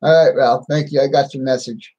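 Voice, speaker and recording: A man speaking without his teeth in a halting, plain-spoken way, repeating himself as he chats casually on a live stream. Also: medium pitch, steady tone, a little mellow, dull audio. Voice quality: toothless, slightly slurred speech without dentures. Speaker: livestream host.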